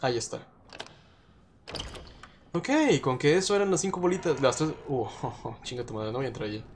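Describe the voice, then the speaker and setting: A man with a Mexican Spanish accent streams a horror game live, swearing and looping the same nervous phrases over and over. His voice sits at a middling pitch. The recording carries a steady hiss of noise with game ambience underneath. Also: moderate pace. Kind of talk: live let's-play commentary.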